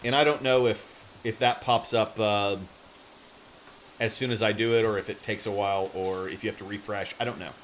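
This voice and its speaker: A man's voice: on the low side, moderate pace. Rambling man on a noisy livestream. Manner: rambling, trails off and loses his thread. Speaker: live streamer and fiction writer. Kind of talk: casual rambling livestream chat. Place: home office. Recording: steady hiss and room noise.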